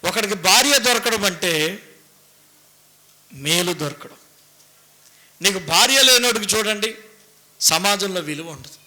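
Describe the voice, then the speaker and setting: A male pastor with a lilt preaches a sermon in a high, cutting, very bright voice, with lively intonation, a slightly slow pace and long pauses. He hammers his points home with repeated phrases, then drops into hushed asides before rising again.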